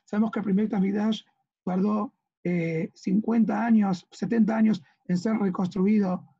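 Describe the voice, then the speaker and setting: A man's voice: sits high, fairly even intonation, a little slow, slightly rough, muffled recording. A man with an Argentine accent, a rabbi giving an earnest religious lesson with slides, often checking that his listeners follow. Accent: Argentine Spanish. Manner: earnest, teaching, asks listeners to agree.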